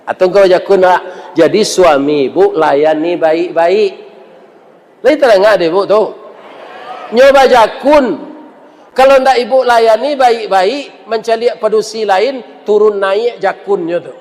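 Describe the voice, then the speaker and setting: A man's voice: high voice, a little slow, darkish tone, long reverb tail. A man with a Minangkabau accent giving a humorous sermon, joking and asking the audience questions. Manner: jokey, questions the audience, acts out quotes. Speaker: preacher.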